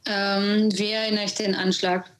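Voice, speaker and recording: A woman in her twenties from Germany, a podcast guest who answers slowly and searchingly with many filler sounds. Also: mid-range voice, little pitch movement, rough recording. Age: 20s. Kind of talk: podcast interview.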